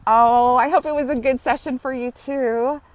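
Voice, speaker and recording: A woman's voice: sits high, steady tone, moderate pace. A woman hosting a live-streamed grief healing session outdoors while walking, talking in a heartfelt, chatty way and often breaking into laughter. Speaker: grief support host.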